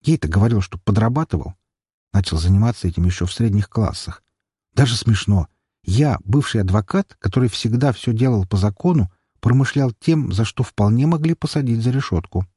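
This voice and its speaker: Guy reading an audiobook, wry and sardonic, dark husky voice, dry close sound. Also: fairly low pitch, dry recording. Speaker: audiobook narrator. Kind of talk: first-person audiobook narration.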